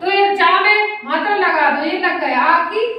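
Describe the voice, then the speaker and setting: High-pitched woman teaching in an echoey room. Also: measured pace, distant mic, dull audio. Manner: patient, repetitive drilling, addresses students as children. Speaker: Sanskrit grammar teacher. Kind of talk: classroom-style lesson at a whiteboard.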